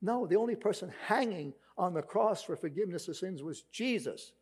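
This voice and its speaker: A man's voice: high voice, animated, a little fast, darkish tone, husky. A man with a Brooklyn accent preaching a sermon as a pastor, emphatic yet conversational, posing rhetorical questions. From Brooklyn, New York.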